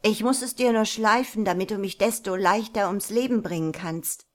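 A woman voicing a cunning young peasant lad in a read-aloud folk tale, talking smoothly and slyly. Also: mid-range voice, moderate pace, lightly acted.

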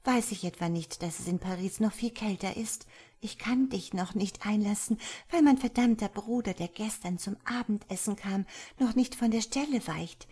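A woman voicing a scornful noble lady who teases a freezing suitor with mock sweetness, in a breathy voice, for a storybook reading. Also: medium pitch, moderate pace, warm tone, voice pushed up, natural voice. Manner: teasing, sly, mock sweetness.

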